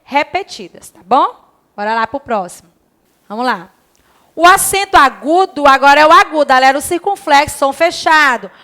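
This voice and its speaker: Woman teacher, bright clear voice, answers her own pupil questions. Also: sits high, lively intonation. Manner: slow, stretched-out reading of words and syllables; asks questions in the pupils' voice and answers them herself. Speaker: primary school teacher. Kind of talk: recorded lesson for young children.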